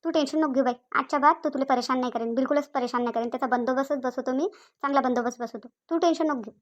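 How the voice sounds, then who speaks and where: A bossy elderly aunt from a village, fussing and reassuring in a Vidarbha Marathi accent, as a woman voices her. She talks quickly and her voice sits fairly high for an old woman. This is a cartoon role. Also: dull audio, lightly acted. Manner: scolding, reassuring, drawn-out rural chatter. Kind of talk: cartoon voice acting.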